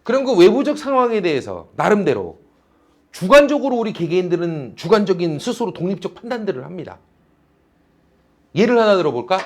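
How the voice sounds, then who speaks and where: A man's voice: high-pitched, very animated, fairly quick. A male teacher giving a classroom lecture, teasing and calling on students by name.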